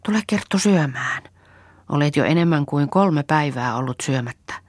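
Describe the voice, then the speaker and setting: A woman's voice: sits low, very animated, husky, no room sound, pitched above the performer's own voice, heavily acted. A woman reading an audiobook, voicing a frightened young woman who pleads with her sister in a trembling voice. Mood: pleading.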